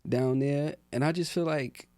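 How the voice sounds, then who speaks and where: This young man from Newark, New Jersey, a rapper, speaks at a measured pace in a voice on the high side, recorded without room sound. As a podcast guest in a casual interview, he keeps things loose and easygoing, dropping in lots of fillers.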